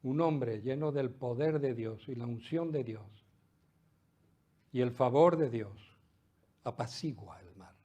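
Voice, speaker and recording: A middle-aged man preaching a sermon, swinging loud exclamations to hushed, almost whispered asides. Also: mid-range voice, slow pace, pauses often. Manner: lively preaching with sudden drops to near-whisper. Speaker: pastor.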